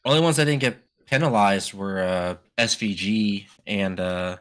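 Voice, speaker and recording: Laid-back deep-voiced man chatting. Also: moderate pace. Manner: relaxed, rambling, loose storytelling with fillers. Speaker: co-host watching a race. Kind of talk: casual live race-watching chat.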